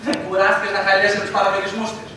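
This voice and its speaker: A man's voice: sits high, completely flat delivery, natural voice. A young man playing a hot-headed son. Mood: agitated. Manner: urgent, rising to outbursts. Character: hot-headed grown son, impatient and defiant. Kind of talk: school stage play. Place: school theater stage. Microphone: distant camera mic. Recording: echoey stage recorded from far, noisy.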